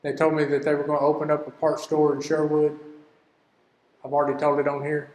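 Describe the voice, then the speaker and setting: An older man with a drawl teaches in a homespun, storytelling way, earnest and plain-spoken. His voice sits a bit high for a man. The sound rings through a reverberant hall, with a long echo trailing each phrase. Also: completely flat delivery, fairly quick, darkish tone. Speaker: business teacher. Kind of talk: folksy teaching talk.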